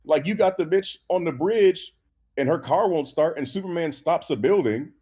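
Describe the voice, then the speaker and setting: A husky-voiced man holds forth on a podcast, complaining at length with animated, profane energy. He keeps stumbling and restarting mid-thought as he talks over his friends in loose, casual chat. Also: fairly high pitch, moderate pace. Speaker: podcast co-host.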